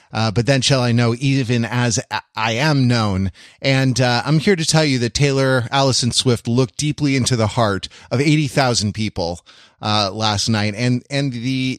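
Clean, echo-free studio audio captures an American podcast co-host whose mid-range, somewhat bright voice drifts through casual stories. His conversational style is wry, learned and meandering.

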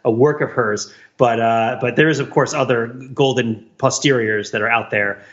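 A male podcast co-host banters casually, wry and rambling and quick to chuckle. His mid-range, fairly bright voice holds fairly even intonation at a moderate pace, though the audio sounds dull.

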